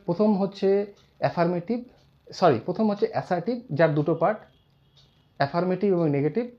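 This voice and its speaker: English teacher guy, fairly high voice, dull lo-fi sound, repeats stuff slowly. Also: lively intonation. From India. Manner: explains slowly, repeats terms, quotes example sentences. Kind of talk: classroom grammar lesson.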